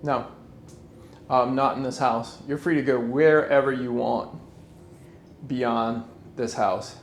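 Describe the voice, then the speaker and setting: A man investigating the paranormal, speaking to a spirit in a firm, measured way. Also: medium pitch, steady tone, echoey room, a little hiss or hum. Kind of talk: calm address to a spirit.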